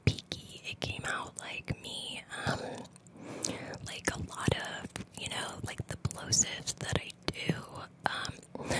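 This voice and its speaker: A woman whispering a breathy ASMR ramble as a host, very close to the microphone, lingering and often repeating words in strings.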